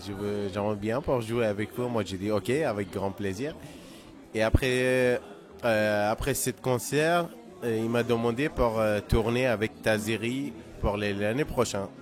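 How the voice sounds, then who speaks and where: Slow, halting Iranian man, low voice. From southern Iran. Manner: slow, halting, many fillers. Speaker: percussionist. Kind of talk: casual interview talk. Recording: crowd noise behind.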